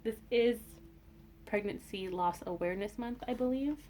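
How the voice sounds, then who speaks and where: A woman giving a tarot reading in a casual, gentle and reassuring way, with frequent fillers and restarts. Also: mid-range voice, normal speed, a little hiss or hum. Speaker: tarot reader.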